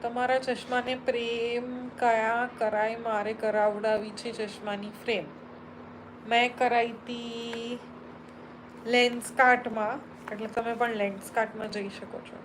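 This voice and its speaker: A woman's voice: fairly high pitch, level tone, unhurried, background noise. A Gujarati woman hosting a live stream, chatting casually as she reads viewer comments aloud and answers them one by one. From Gujarat, India.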